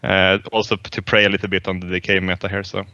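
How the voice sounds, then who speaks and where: A hesitant man with a lowish, bright, clear voice, pausing often to find his words. The sound is dry and a little dull, like a lo-fi mic. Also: flat delivery, no echo. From Sweden. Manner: hesitant, many ums and restarts. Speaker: podcast guest. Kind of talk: casual panel talk.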